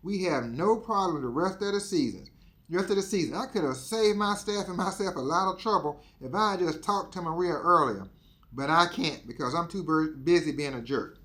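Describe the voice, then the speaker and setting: A man's voice: fairly high pitch, animated, brisk, bright, forceful tone. A man reading passages from a book aloud and breaking off to preach to his listeners, whom he calls teammates, repeating points for emphasis.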